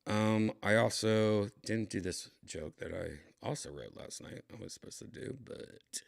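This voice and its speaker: This comedian streamer is tipsy, chatting and rambling on his livestream with a raspy, dry-throated voice and plenty of throat clearing. His lowish voice moves at a measured pace.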